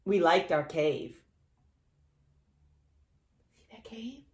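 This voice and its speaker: A woman who tells stories and hosts a channel reads to little kids without hurrying, her voice highly animated and swooping. Playful and expressive, she reacts with exaggeration and speaks right to the child, posing questions as though expecting replies.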